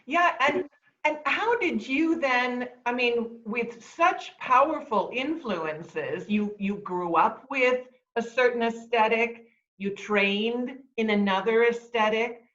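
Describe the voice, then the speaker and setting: A woman interviewer asks long questions at a slow, deliberate pace, circling back as she goes. Her voice sits fairly high and comes through a dull, muffled recording. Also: fairly bright tone. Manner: slow, searching questions with restarts.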